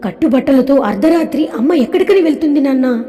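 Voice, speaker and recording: A worried grown son, as a woman narrator voices him, pleading gently in a high mellow voice. A long hall reverb surrounds this storybook reading. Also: animated, quick pace.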